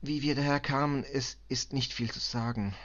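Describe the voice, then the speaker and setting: A man's voice: a little high, a bit bright, muffled recording, pitched above the performer's own voice. Man voicing a tearful Balkan cleaning woman. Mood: pleading. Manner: broken German, halting, sobbing. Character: distraught middle-aged immigrant cleaning woman.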